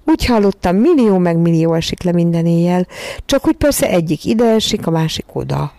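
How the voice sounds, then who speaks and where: A woman's voice: on the low side, sing-song, warm tone, no room sound. A woman reading a storybook aloud, voicing a mother who gives advice in an emphatic, raised voice.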